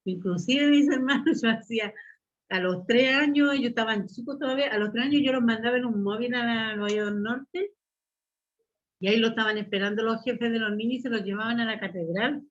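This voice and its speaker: A woman's voice: on the high side, brisk. Chilean woman telling her testimony. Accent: Chilean Spanish. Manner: storytelling, addressing listeners as brothers and sisters. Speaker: church member giving testimony. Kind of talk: personal testimony at a church meeting. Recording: muffled lo-fi recording.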